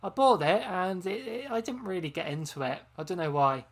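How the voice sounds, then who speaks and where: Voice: medium pitch, normal speed. Streamer host, loose rambling chat, lots of ums, tired from a long live stream. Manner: rambling, chatty, frequent ums and self-corrections. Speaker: game channel host.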